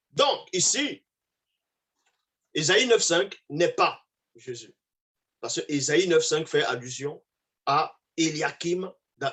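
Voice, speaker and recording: A husky man delivers a heated scripture commentary, his voice sitting fairly high as he jabs at verse references. He swings from loud, pointed emphasis to quiet, muttered asides. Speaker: online religious commentator.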